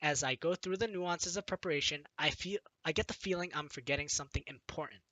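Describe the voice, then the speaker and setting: A gaming video host, a man with a slightly high voice who talks fast, hosts a let's play, reading game text aloud theatrically and commenting on it in an animated way. The recording is rough with no echo, and game music plays behind his voice.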